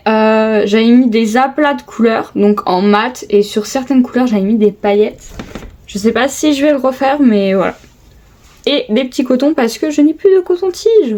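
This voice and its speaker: Young woman beauty vlogger, slightly high voice, casual and hesitant, phone-recorded at home. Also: moderate pace, a little mellow, a little hiss or hum. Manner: chatty, lots of hesitations and repeated "trop, trop beau". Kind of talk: casual make-up tutorial chat. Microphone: phone camera.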